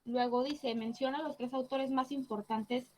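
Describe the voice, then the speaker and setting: A woman's voice: high-pitched, steady tone, unhurried, dark tone, low-quality recording. A woman teaching an online class, explaining patiently and checking in with short tag questions. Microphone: computer mic on a video call.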